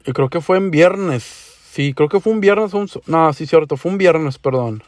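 A young man with a northern Mexican border accent hosts a podcast, casually telling stories in profane slang mixed with Chicano-style English and acting out the dialogue. His voice is a little high and a little mellow, with lively intonation and normal speed. There's no room sound.

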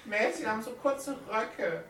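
An elderly farmer's wife, acted by a man in a tabletop game, pitched high and full of wary disapproval. She hesitates and repeats herself evasively. The voice sits back from the mic in an echoey, noisy room. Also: a little slow, fairly bright tone, far from the mic. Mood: wary, disapproving. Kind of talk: improvised tabletop role-play.

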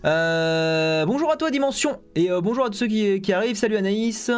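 A man's voice: high-pitched, animated, a little fast, clear, resonant tone, faint music behind. A man hosting a casual tech live stream, chatty and joking, with many fillers and asides.

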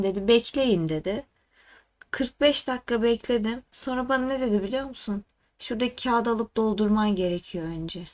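Young woman telling stories, exasperated. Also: fairly high pitch. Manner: animated, exasperated storytelling with swearing. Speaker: podcast co-host. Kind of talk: casual chat.

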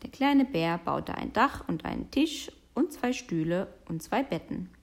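A woman reading a children's story aloud in an expressive, sing-song storytelling manner. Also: on the low side, measured pace. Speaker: storybook reader.

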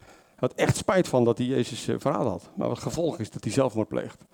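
Man, lay preacher, informal sermon, chatty and hesitant, mid-pitched. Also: lively intonation, a little fast, creaky, darkish tone. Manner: conversational, many fillers and self-corrections, asks the congregation questions.

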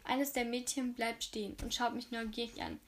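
A woman's voice: fairly high pitch, fairly even intonation, normal speed. A woman reading a novel aloud for her viewers and making chatty, frank asides about the story.

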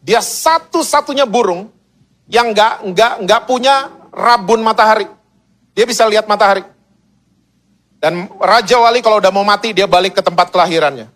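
A man's voice: high-pitched, normal speed, long pauses, fairly bright tone. A male pastor preaching a sermon as humorous, slangy storytelling.

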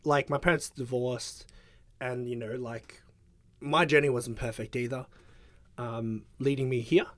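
A man's voice: medium pitch, steady tone, a little slow, no echo. A young man, a guest in a casual interview, talking hesitantly with lots of fillers. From Australia. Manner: hesitant, filler-heavy, soft-spoken.

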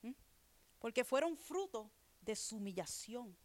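A woman's voice: fairly high pitch, lively intonation, a little slow. A woman preaching a sermon in a conversational way, often checking in with her listeners and reading scripture aloud before explaining it. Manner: conversational preaching, repeatedly asks "¿verdad?".

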